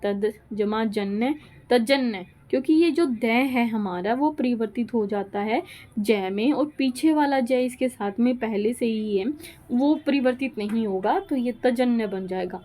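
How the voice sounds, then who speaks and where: A woman's voice: on the high side, unhurried, warm tone. A woman giving a Hindi grammar lesson, explaining rules step by step and repeating each example aloud. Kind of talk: classroom lecture.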